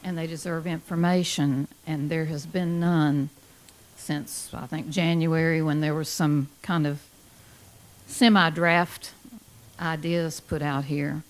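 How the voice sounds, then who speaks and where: A woman's voice: low-pitched, fairly even intonation, takes it slowly. A woman giving a public comment in a blunt, insistent manner. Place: indoor public meeting room.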